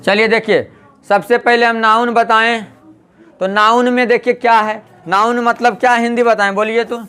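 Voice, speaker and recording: A man's voice: very high-pitched, flat delivery, normal speed, pushed and bright, clear, resonant tone. A man teaching an English grammar class in Hindi, drilling students with call-and-response questions. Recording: noisy classroom with crowd chatter. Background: students chanting answers, classroom noise.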